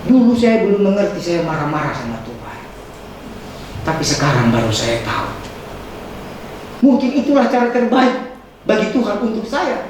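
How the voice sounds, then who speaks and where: A male pastor preaching a sermon, emphatic, with sudden high dramatic outbursts and quick asides. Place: church hall. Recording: echoey hall, distant mic, faint noise.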